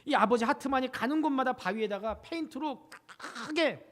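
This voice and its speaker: A woman's voice: high-pitched, moderate pace. A woman pastor preaching, telling a story with rhetorical questions and acted-out quotes. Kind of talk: sermon. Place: church sanctuary. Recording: long reverb of a church sanctuary.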